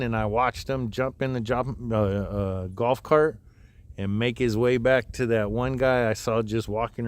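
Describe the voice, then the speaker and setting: A man hosting a casual outdoor live stream, talking in a loose, rambling way with many asides and restarts. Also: medium pitch. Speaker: livestream host. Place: outdoors near wind turbines, breezy.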